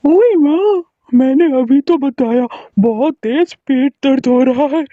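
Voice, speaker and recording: A woman's voice: sits high, a little slow, no echo, narrow, tinny audio. A woman voicing a spoiled, greedy boy in a cartoon story, whiny and demanding.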